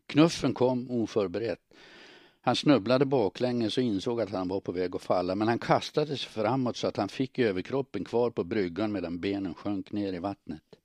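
A man narrating an audiobook in a calm, steady storytelling manner. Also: lowish voice, dry recording.

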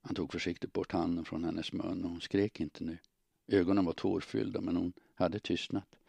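A man narrating an audiobook in a calm, steady storytelling manner. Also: deep voice, creaky, slightly rough, no room sound.

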